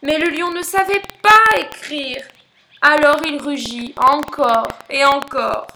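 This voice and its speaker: Storyteller, woman, bright expressive read-aloud, slow. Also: high-pitched, a little hiss or hum. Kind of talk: reading a children's picture book aloud.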